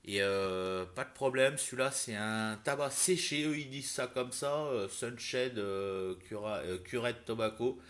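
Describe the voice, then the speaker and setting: Bright-voiced hesitant man reviewing products. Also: mid-range voice, a little slow, few pauses. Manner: hesitant, many fillers and restarts; enthusiastic recommending. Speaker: vlogger reviewing e-liquids.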